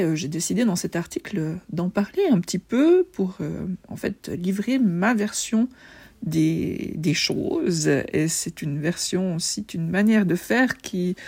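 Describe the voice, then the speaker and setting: A woman's voice: fairly low pitch, lively intonation, unhurried, a little mellow, breathy edge. A woman with a lisp on her s sounds, explaining things informally and conversationally as a photographer presenting.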